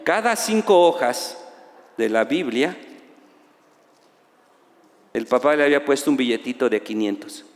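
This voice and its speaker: A man with a Mexican Spanish accent preaching a sermon as pastor, animated and storytelling, rising at times to shouts. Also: medium pitch, a little slow, long pauses. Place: church auditorium. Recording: long reverb of a church hall.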